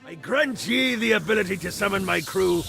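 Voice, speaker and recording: An actor playing a boastful male pirate captain in a video game, with a gravelly pirate voice. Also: high voice, animated, normal speed, bright, forceful tone, full character voice. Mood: scheming. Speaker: game character. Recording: game audio over music.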